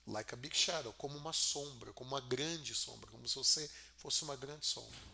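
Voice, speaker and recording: A man teaching English through a film scene, repeating each line and then explaining it slowly. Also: mid-range voice, gravelly, a crowd in the background. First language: Portuguese. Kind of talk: film-clip language lesson.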